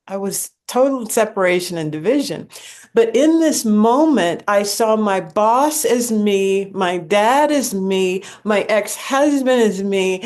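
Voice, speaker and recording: A woman in her forties, the host, telling a personal story in an earnest, reflective way. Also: a little high. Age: 40s.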